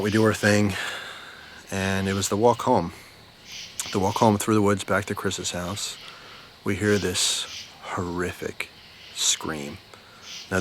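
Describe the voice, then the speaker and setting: An American man with a low voice tells a story in a casual, rambling way. He takes his time and repeats words for weight. He is recorded outside, with light ambient noise behind him. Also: a bit bright. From New Jersey, United States. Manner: unhurried, informal, emphatic repetition. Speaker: storyteller, video host. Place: outdoors at night near bushes.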